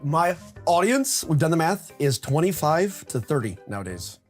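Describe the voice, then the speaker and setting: Man, defensive banter, laughing, very lively pitch. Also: normal speed, faint music behind. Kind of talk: casual comedic chat.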